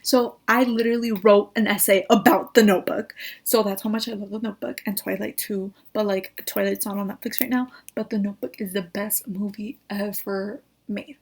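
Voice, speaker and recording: A young woman talks to her viewers in a loose, casual chat. She gushes over her favourites, and nearly every phrase is padded with "like". Her voice sits at an ordinary middle pitch for a woman. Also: steady tone, normal speed, hardly any pauses, a little mellow. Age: young adult. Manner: gushing, says "like" constantly. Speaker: YouTuber reviewing shows.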